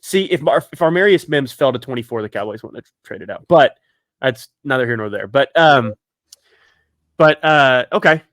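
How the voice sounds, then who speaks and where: A man hosting a casual sports podcast, joking and excitable, rattling off long lists. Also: medium pitch, moderate pace, no echo, studio quality. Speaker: podcast host.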